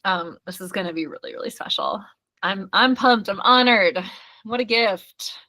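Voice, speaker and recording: A bright-voiced woman wraps up a live online workshop she is hosting. She talks effusively and reassuringly, addressing the viewers directly. The sound has the feel of a video call mic. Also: medium pitch, lively intonation, moderate pace. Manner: effusive, affirming, talks straight to the audience. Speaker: workshop host and studio founder.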